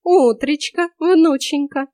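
Woman playing a greedy old woman, sly, falsely sweet, fairly high, dry close recording. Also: lively intonation, normal speed, darkish tone, no echo, lightly acted. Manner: sugary false friendliness.

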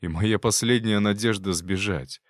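A man voicing a frightened young male servant who confesses in a halting, hesitant way, read as an audiobook character. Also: on the low side, dry recording, clean studio sound, close to an everyday voice. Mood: confessing.

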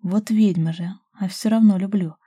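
A gruff, loving major from a romance audiobook, as a woman reader puts him on. He grumbles in mock annoyance and drops to husky whispers, in a mellow warm tone. The recording is dry and close. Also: mid-range voice, quick pace, no room sound. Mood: grumbling joking.

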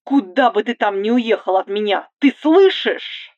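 A woman's voice: medium pitch, lively intonation, unhurried, a little mellow, no echo, muffled recording, close to an everyday voice. A woman reading the part of a selfish, controlling young man who commands and threatens his girlfriend. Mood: furious. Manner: commanding and menacing, turns coaxing.

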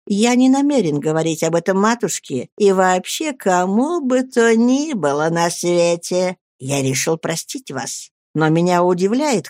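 A man reading an audiobook voices a sly, falsely humble young man who speaks softly, slowly and ingratiatingly. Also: high-pitched, dry recording, studio quality. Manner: soft, slow and ingratiating.

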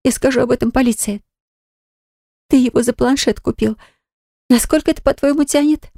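A woman narrator voicing a furious, defiant young mother with high, hissing, indignant outbursts. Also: normal speed, mellow, no echo, clean studio sound.

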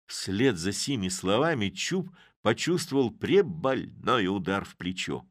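A man narrating a classic story as an audiobook, with expressive storytelling. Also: lowish voice, a little slow, dry recording, studio quality.

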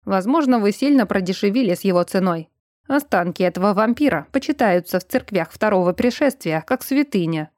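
Brun, a woman reading a gruff, wry detective. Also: mid-range voice, lively intonation, brisk, a little mellow, dry recording, natural voice. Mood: dry. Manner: dry, laconic remarks.

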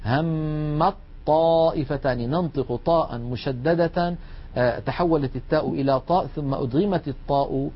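A man teaching a lesson on recitation rules, explaining patiently and drawing out slow recited examples. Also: mid-range voice, breathy edge. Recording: dull lo-fi recording.

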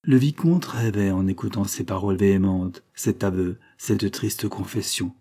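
Male reader for historical fiction, steady, husky, mellow low voice. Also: moderate pace. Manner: steady literary reading. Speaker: narrator. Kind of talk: audiobook narration of a historical novella.

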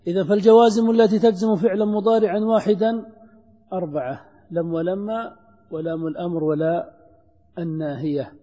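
A man with a high, very dark and husky voice teaches a grammar class. He repeats each example and quizzes his students. The recording is dull and lo-fi, with a long reverb from a lecture hall. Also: fairly even intonation, fairly quick, pauses often.

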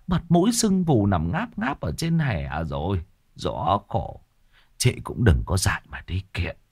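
A man voicing a gruff, scornful older village man who talks low and hushed, in a spoken ghost story. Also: full character voice.

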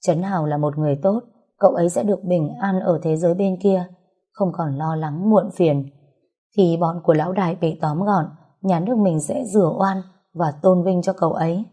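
A woman voicing a calm young man comforting his sister gently. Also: on the low side, moderate pace, slightly rough. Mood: soothing. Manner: soothing, gentle. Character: calm protective young man, older brother.

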